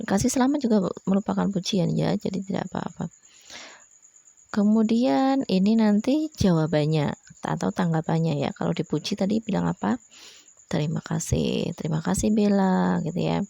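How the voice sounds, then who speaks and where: Gravelly-voiced woman teacher addressing children. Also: medium pitch, moderate pace, mellow, dry recording, dull audio. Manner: patient, speaks to children, ends phrases with "ya". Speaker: primary school teacher. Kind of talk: online class lesson.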